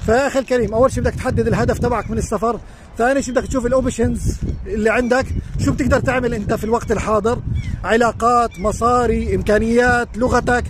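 A man's voice: very high-pitched, steady tone, racing, background noise. A man with a Levantine Arabic accent gives earnest advice as a life coach on a live stream, speaking outdoors beside a lake into a phone. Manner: earnest, advising, addresses viewers directly.

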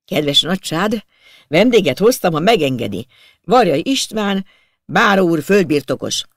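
A man's voice: high-pitched, big pitch swings, creaky, no echo, clean studio sound, heavily acted. A man voicing a timid, self-pitying imperial official from Prague who laments his lot in a storybook reading. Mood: fussy politeness. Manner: plaintive, wistful lamenting.

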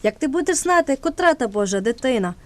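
A woman's voice: high-pitched, lively intonation, quick pace. A woman performing a fearless male court prophet in a folk nativity puppet play, with solemn, admonishing declamation.

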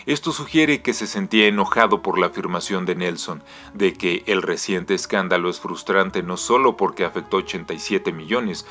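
A man reading a scripted voice-over narration in a measured, explanatory way. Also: low voice, pushed and bright.

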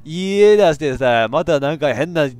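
A man with a giving excitable let's play commentary on a horror game, reacting loudly and laughing often. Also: mid-range voice, normal speed, dry recording. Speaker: VTuber game streamer.

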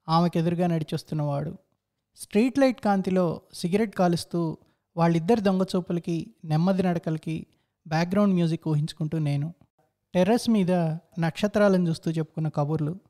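A man reading out a first-person story and lingering over his own thoughts as he goes. His voice is warm and mellow, with a soft, rounded edge. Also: fairly high pitch. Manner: reflective, introspective. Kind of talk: story narration.

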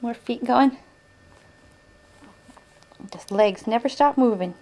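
A woman's voice: a little high, slow pace, dark tone, poor audio. A young woman filming her baby at home for the grandparents, coaxing the baby with repetitive sing-song baby talk on a handheld camcorder in a bedroom.

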